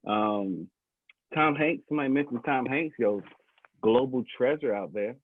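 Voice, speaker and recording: Man, stand-up comedian, rambling and laughing, husky, phone-like video call audio. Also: medium pitch, a little slow. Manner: loose, rambling, laughs often. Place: bedroom at home.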